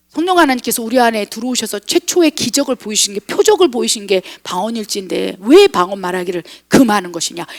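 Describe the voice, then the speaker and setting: A woman missionary pastor preaching an impassioned sermon, rising to exclaimed scripture and dropping to quiet asides. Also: fairly high pitch. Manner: calls herself tone-deaf.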